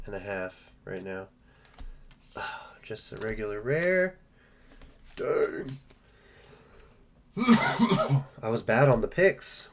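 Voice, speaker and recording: A man's voice: mid-range voice, a little hiss or hum. A man hosting a live stream, chatting casually and joking while opening trading card packs. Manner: joking, rambling, playful.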